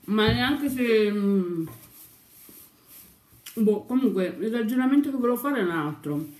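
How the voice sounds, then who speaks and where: Over breakfast, a young female vlogger rambles through a casual chat for her YouTube channel, sometimes speaking with food in her mouth. Her voice is on the high side, animated yet measured in pace, with a darkish tone, and the recording carries the echo of the room.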